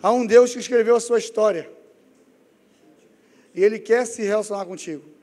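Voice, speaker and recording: A man's voice: high-pitched, moderate pace, a little mellow. A man preaching a sermon with a Brazilian Portuguese accent, telling stories and calling on the congregation. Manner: storytelling, emotional, calls to the congregation. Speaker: evangelist preacher. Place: church sanctuary. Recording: long church hall reverb.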